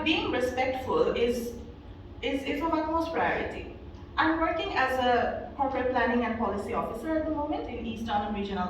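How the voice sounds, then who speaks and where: A woman's voice: fairly high pitch, a little hiss or hum. A woman from Bangladesh gives a motivational speech as a guest speaker, telling stories earnestly with frequent fillers. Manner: earnest storytelling with frequent "you know" fillers. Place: event hall. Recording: echoey hall, voice from a distance.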